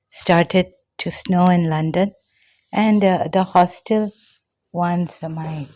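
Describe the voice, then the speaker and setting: Slow, halting older woman. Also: low voice, a little mellow. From Pakistan. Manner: halting, many fillers and pauses. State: out of breath. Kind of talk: personal testimony monologue.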